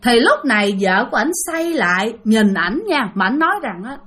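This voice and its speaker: A woman's voice: on the high side, big pitch swings, normal speed, fairly bright tone, slightly rough. Chatty Southern Vietnamese woman telling ghost stories. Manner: chatty, addresses listeners often. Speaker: storyteller. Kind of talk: casual ghost-story telling.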